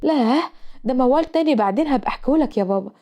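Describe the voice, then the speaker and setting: A woman's voice: sits high, lively intonation, very fast, mellow. A woman voicing a sulky young female student with an Egyptian accent, complaining dramatically. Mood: whiny. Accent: Egyptian Arabic. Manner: whiny, exaggerated complaining.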